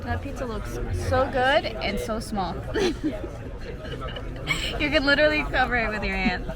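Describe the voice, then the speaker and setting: Woman vlogging on the street, kinda high voice, talks slow, music and crowd noise behind. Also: lively intonation. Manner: chatty and exclaiming. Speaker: travel vlogger. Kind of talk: casual vlog chat to camera. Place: outdoors on city streets. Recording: background music and crowd chatter.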